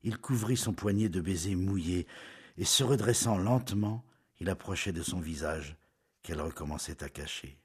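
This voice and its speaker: A man reading a novel aloud in scripted narration, measured and intimate, often dropping to a hush. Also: low voice, husky.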